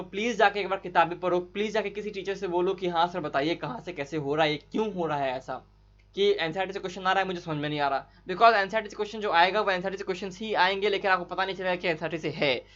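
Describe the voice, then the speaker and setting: A man tutoring biology for an entry exam, rushing through solutions in a chatty, coaxing way with frequent tag questions to his students. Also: high-pitched, fairly bright tone, muffled recording. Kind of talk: fast online exam-solution lesson.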